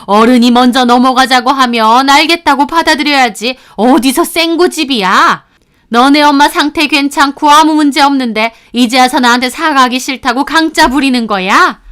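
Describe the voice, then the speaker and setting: Woman putting on a shrill scolding mother-in-law. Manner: shouting, scolding.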